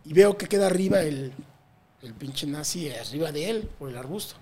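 A man with a Mexican accent telling a touring story in a casual interview, animated and full of slang and swearing. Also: a little high, moderate pace, breathy edge. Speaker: touring musician guest.

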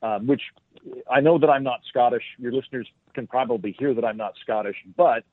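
A man's voice: medium pitch, brisk, no echo. A male comedian telling a rambling, self-deprecating story as a podcast guest, on a tinny, dry phone-like line.

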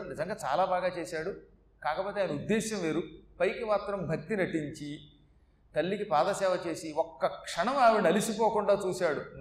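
Man, devotional storytelling, high voice, echoey room. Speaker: religious storyteller.

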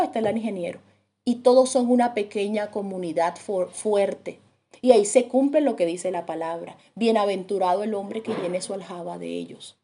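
A woman preaching a sermon in an earnest way, dropping her voice low for grave points. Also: mellow.

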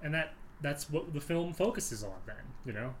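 A man co-hosting a casual film discussion, animated and quick to quote old radio ads. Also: on the high side, a little hiss or hum. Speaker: podcast co-host.

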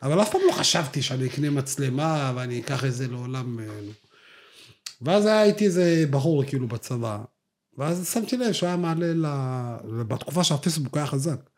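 A man's voice: medium pitch, darkish tone. A young man, co-hosting a podcast and telling stories in casual slang, full of fillers and restarts. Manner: slangy, rambling storytelling with many fillers. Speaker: podcast co-host. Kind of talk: casual chat.

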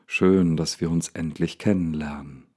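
Casting: man playing a kind, soft-spoken lion, deep, full and mellow. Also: a little slow, slightly rough, full character voice. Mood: calm. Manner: calm, soft-spoken, slightly awkward. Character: gentle, curious male lion with deep voice.

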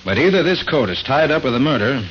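An actor playing a wry, skeptical private detective in an old American radio drama, with clipped, dry questioning. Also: male voice, medium pitch, sing-song, fast talker, a bit bright. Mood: probing. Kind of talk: mid-century American radio drama acting. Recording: muffled, noisy vintage radio recording.

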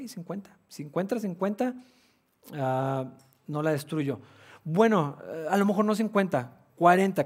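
A man's voice: on the high side, darkish tone. A man preaching a sermon in an earnest way, restarting phrases often and stressing words by repeating them. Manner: earnest, repetitive, with frequent restarts and fillers. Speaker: pastor.

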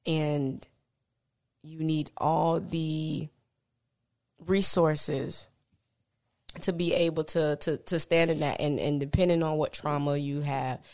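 A woman with a notably low voice talks through her stories in a relaxed, conversational way. She laughs easily as she goes. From time to time she turns playful and animated. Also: slow pace, long pauses. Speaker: guest, business founder. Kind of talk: casual interview chat.

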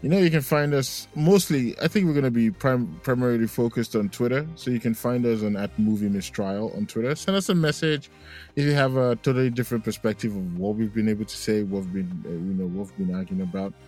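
A man's voice: medium pitch, fairly quick, a little mellow, soft background music. A man co-hosting a movie podcast, telling stories in a rambling way with lots of fillers. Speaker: podcast co-host. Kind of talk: casual chat.

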